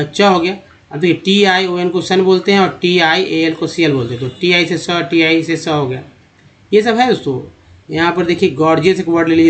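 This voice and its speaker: Man slowly explaining lesson slides. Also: high voice. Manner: explains step by step, often addressing viewers as friends; repeats example words slowly. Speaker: English teacher.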